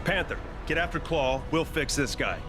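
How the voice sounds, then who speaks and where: A man's voice: a little high, lively intonation, moderate pace, lightly acted. A man playing a confident, commanding superhero team leader with an American accent. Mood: confident, urgent. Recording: loud music and engine noise behind.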